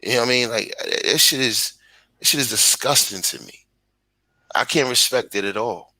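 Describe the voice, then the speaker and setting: A man's voice: mid-range voice, moderate pace, bright, forceful tone, no echo, low-quality recording. A man in his forties from Brooklyn with a Brooklyn accent, a guest on a video call, talking bluntly and profanely in casual chat. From Brooklyn, New York.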